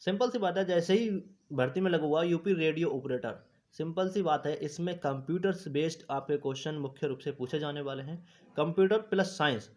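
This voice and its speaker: The host of an exam news channel gives exam candidates an informal, instructive explainer, repeating points and often checking they follow. His voice is fairly high with a darkish tone and runs a little fast.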